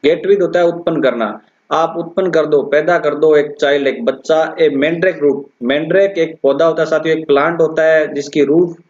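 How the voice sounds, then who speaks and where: A male English lecturer giving an exam-prep lesson, explaining a poem and repeatedly addressing his students, slowing down to recite lines. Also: fairly high pitch, darkish tone. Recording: dull lo-fi recording.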